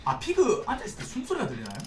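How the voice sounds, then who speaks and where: A young man streaming a horror game, commenting excitedly, swearing often and pleading loudly with his teammates. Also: very high voice, very fast. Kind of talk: live gameplay commentary. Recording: roomy, distant mic, faint background noise.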